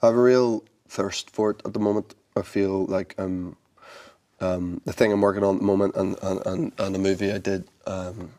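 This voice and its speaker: A Northern Irish man speaking in a fairly low voice as an interview guest. He answers thoughtfully and a little haltingly, often stumbling over his first words and starting again. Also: level tone, warm tone. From Northern Ireland. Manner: thoughtful, hesitant, repeats words as he restarts. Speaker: actor guest. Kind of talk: interview conversation.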